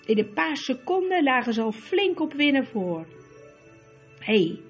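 A woman reading a storybook aloud in a measured way. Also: high voice, big pitch swings, lo-fi sound, faint music behind. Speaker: audiobook narrator. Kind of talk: storybook narration.

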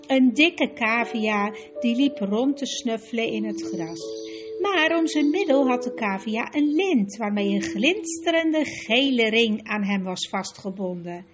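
A woman narrating a children's story in a calm, gentle storytelling manner, with music behind. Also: fairly high pitch, a little slow.

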